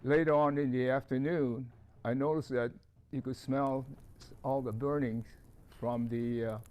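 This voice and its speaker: Older man, from Hawaii, oral history, calm, measured, mid-pitched voice. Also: smooth, lo-fi sound. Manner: calm, measured, some hesitations. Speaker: witness recalling childhood.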